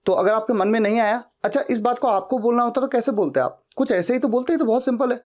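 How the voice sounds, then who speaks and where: A young man whose first language is Hindi teaching spoken English, explaining in Hindi and saying each English sentence slowly and carefully. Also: very high-pitched, a little mellow.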